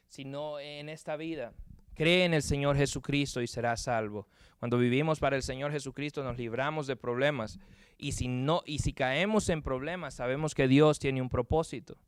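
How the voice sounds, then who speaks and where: Recorded in clean studio sound with no room sound, a Puerto Rican man preaches with a Puerto Rican Spanish accent in a clean, medium-pitched voice. He delivers his sermon and closing prayer earnestly, frequently repeating words while reaching for the right one.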